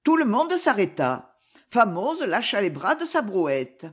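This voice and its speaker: Woman narrator for an audiobook, expressive storytelling, lively melody. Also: medium pitch, a little slow, husky.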